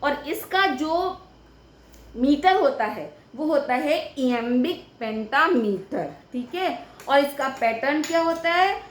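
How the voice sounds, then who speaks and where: High-voiced woman teaching in an echoey room. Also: expressive, takes it slowly. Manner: explains step by step, often checks with "ठीक है". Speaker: English grammar teacher. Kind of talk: explaining a lesson at a board. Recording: echoey room with faint background noise.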